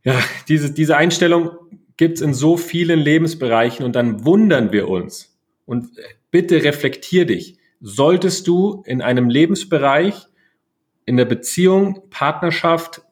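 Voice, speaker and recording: A man co-hosting a casual coaching chat, talking in animated bursts and listing things in quick runs. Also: on the high side. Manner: German. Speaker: podcast co-host.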